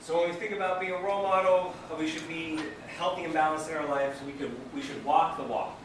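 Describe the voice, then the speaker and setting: A man's voice: a little high, fairly even intonation, fairly quick. A man leading a peer education training session in a training room, speaking energetically and asking the group questions. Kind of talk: classroom training lecture. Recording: echoey room, mic far off, background noise.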